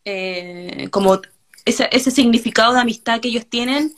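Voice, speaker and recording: A young woman with a Chilean accent talks in a relaxed, chatty way. Her voice sits fairly high. She tells stories with animation and slips into acted quotes. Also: normal speed. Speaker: guest, hairdresser. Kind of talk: casual interview chat.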